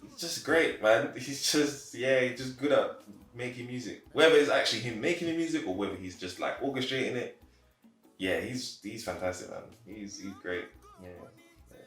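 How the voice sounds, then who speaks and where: Young guy in his 20s, animated, jumpy pitch, roomy echo. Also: moderate pace. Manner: animated, laughs easily, acts out quotes. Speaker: interview guest. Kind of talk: casual interview answers. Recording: roomy echo, faint background music.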